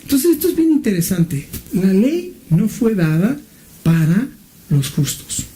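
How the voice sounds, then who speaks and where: A middle-aged man from Mexico preaching a sermon as pastor, often asking his listeners questions and filling pauses with "este". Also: high-pitched, sing-song, mellow. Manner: asks the listeners questions, uses fillers like "este".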